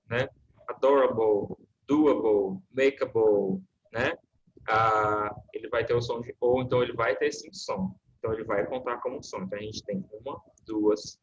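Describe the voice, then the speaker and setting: Male teacher on a video call, patient explainer, checks in often; muffled audio with a faint hiss. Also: medium pitch. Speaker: English teacher. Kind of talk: online class explanation.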